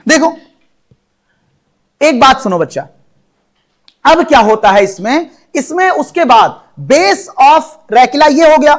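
A man's voice: very high voice, lively intonation, takes it slowly, pauses often. Man, biology teacher, coaxing lecture, constant questions to students. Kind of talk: classroom lecture.

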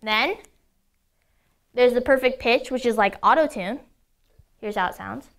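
A woman's voice: fairly high pitch, measured pace, a little hiss or hum. A woman giving an upbeat, step-by-step scripted demonstration of a toy product.

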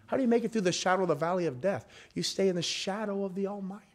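A man preaching a sermon in a church, quoting old King James scripture and asking the congregation questions, dropping from loud to hushed. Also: high-pitched, lively intonation, very fast. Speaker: guest preacher. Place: church sanctuary.

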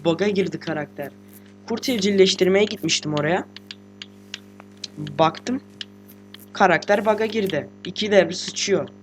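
A teenage boy, a gaming host, giving casual let's-play commentary while sick and talking quietly, chatty, slangy and joking with swearing. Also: sits high, measured pace, pauses often, a little hiss or hum. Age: teens. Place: room at home with a computer.

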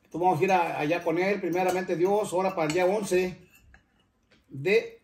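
A man's voice: high voice, fairly even intonation, moderate pace, a little hiss or hum. An older man, hosting a cooking channel and chatting casually to viewers in a rambling way that often stops and restarts. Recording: roomy, echoey room.

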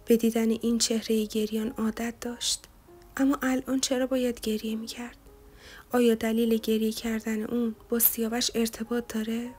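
Breathy, soft-spoken woman narrating. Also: a little high, level tone, faint music behind. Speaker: audiobook narrator. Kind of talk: scripted narration of a romance novel.

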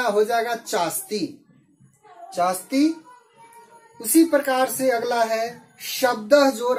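A woman's voice: fairly high pitch, a little mellow. A woman teaching a Sanskrit lesson, methodically working through each answer and repeating it in Hindi. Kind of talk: slow explanatory lesson.

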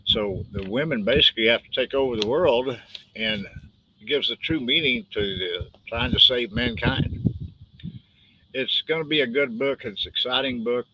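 During a casual live stream about his books, an older man from West Texas rambles folksily with his twang. He talks at normal speed with a medium pitch and a sharp tone. The highs are cut off and a little hiss or hum is present.

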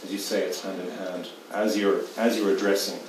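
A very low-voiced Irish poet in his fifties answers a panel question haltingly, with many ums and repeated words and little pitch movement. Recorded by a distant camera on a dim theatre stage, his voice booms and echoes around the large hall over clear room noise.

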